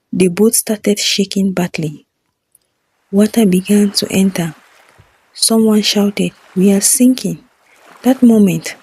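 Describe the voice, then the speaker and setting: A woman narrating a scripted first-person story in a solemn, measured way. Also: mid-range voice, darkish tone, breathy edge, no room sound.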